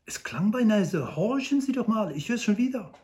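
A man voicing a small, excitable, boastful and helpful frontiersman in an audiobook. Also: high-pitched, normal speed, voice pushed up. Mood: alarmed.

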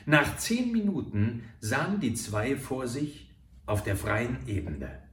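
A man narrates an adventure audiobook in a slow, unhurried way. His pitch rises and falls widely for drama, and the recording sounds roomy, as if he stands back from the mic. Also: sing-song, fairly bright tone, recorded from a distance.

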